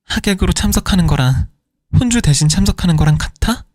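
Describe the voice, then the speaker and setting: A man's voice: sits high, lively intonation, fairly quick, darkish tone, dry recording, studio quality, pitched above the performer's own voice. A man voicing a furious middle-aged wife who fires indignant questions at her husband, in a storytelling reading.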